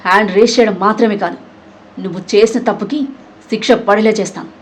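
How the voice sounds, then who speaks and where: A woman's voice: medium pitch, steady tone, fast, lightly acted, low-quality recording. A woman voicing a furious young woman. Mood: angry. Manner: sharp, sarcastic and scolding.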